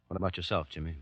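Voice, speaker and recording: An actor playing a candid American war correspondent, plain-spoken and grave in 1940s radio drama style. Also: male voice, low voice, a bit bright, husky, no echo. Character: American war correspondent narrating his story, wry, candid. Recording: dull old 1940s radio recording.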